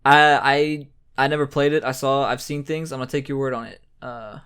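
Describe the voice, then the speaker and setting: A man co-hosting a casual chat, talking in a relaxed way with many fillers. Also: mid-range voice, fairly quick, clear, resonant tone. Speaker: co-host.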